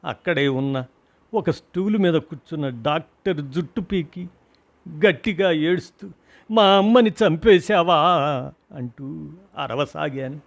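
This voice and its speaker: A man's voice: fairly high pitch, measured pace, gravelly. A man reading a grieving husband's story of loss, emotional and rising to cries at the peaks, in a storybook reading. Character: grieving husband recalling his mother's death.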